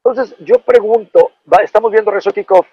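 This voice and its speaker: A man's voice: sits high, a little fast, dry recording, highs cut off. A middle-aged man with a Mexican accent, a former football player telling an anecdote in a casual, profane, slangy way. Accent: Mexican Spanish. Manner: animated, profane, slangy storytelling.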